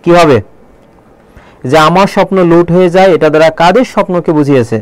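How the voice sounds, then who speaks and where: A man teaching a live online Bangla lesson, keeps asking the viewers questions and slows down to read poem lines aloud. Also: a little high, clean tone, no echo. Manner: quizzing viewers with repeated questions.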